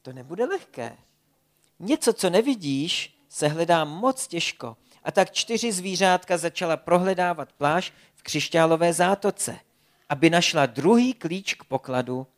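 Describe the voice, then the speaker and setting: Children's story reader, expressive, lively, animated delivery. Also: mid-range voice.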